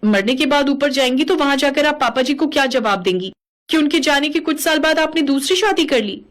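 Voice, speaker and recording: A woman's voice: high-pitched, fairly quick, lightly acted. A woman voicing a theatrical young daughter-in-law who pleads dramatically, in a cartoon. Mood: pleading. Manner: pleading, melodramatic. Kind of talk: cartoon voice acting.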